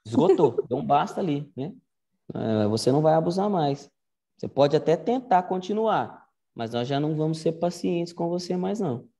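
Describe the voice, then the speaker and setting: A man's voice: fairly high pitch, expressive, normal speed, gravelly, mellow. A man giving a casual online Latin lesson, explaining step by step and often checking in with "né?". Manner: conversational, explains step by step with frequent "né?". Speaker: Latin teacher.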